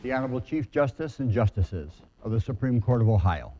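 A man acting as a court crier, calling out a formal, ceremonial opening proclamation in a loud town crier style. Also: medium pitch, sing-song, a little fast, muffled recording.

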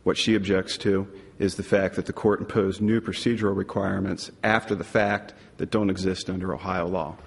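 A man speaking as an appellate lawyer, delivering a formal but somewhat halting oral argument in court. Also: deep voice, flat delivery, creaky, breathy edge. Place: large courtroom. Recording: reverberant courtroom.

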